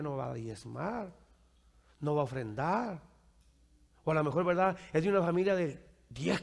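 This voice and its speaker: A pastor preaches to his congregation in a large hall and fields their questions, habitually tacking "¿verdad?" ("right?") onto his points and calling listeners brother. His voice is on the high side and gravelly.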